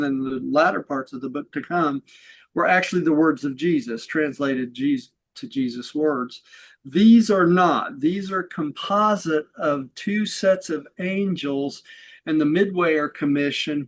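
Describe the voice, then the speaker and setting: A man leading a study-group class, talking casually and rambling as he explains a reading, with fillers and self-corrections and his distance from the mic shifting. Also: on the high side. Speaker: host and teacher. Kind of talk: conversational study-group teaching.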